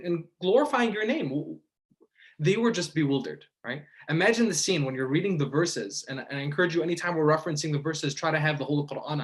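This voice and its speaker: Speaking in a slightly high, somewhat bright voice, an American man gives a thoughtful talk on religion. He hails from the Detroit–Dearborn region of Michigan and moves at a deliberate pace, stopping to pause and ask rhetorical questions.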